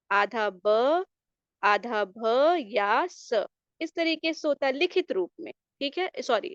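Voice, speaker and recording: High-voiced woman teaching an exam lesson. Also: no echo, lo-fi sound. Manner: explanatory, often adds "theek hai" checks. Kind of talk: exam answer key lesson.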